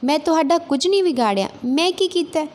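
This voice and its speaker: Woman doing a wise old holy man, calm, slow, deliberate, high voice. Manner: slow, deliberate repeated teaching lines.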